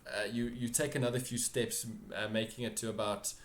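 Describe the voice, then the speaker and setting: A man narrating a tabletop game as game master, halting and repeating phrases as he searches for words. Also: medium pitch, level tone. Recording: roomy, echoing home recording.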